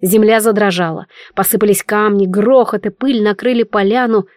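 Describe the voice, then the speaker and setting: A woman narrating a first-person fantasy audiobook with expressive, emotional storytelling. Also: mid-range voice, moderate pace, dry recording, clean studio sound.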